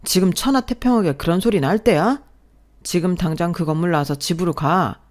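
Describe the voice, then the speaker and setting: A woman voicing a scornful, arrogant young husband in an audio story, talking down with loud contempt. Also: on the low side, brisk, lightly acted. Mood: angry.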